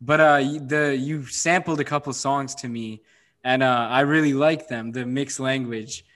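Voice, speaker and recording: A man's voice: mid-range voice, fairly even intonation, normal speed, fairly bright tone. A man hosting a podcast interview, laid-back and slangy as he asks questions. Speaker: podcast host. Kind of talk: casual interview chat.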